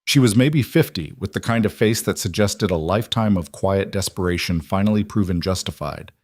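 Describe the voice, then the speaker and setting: A man with a low voice tells a scripted Western story in a steady, measured way. His voice sounds close and dry, with no room echo around it. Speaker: narrator.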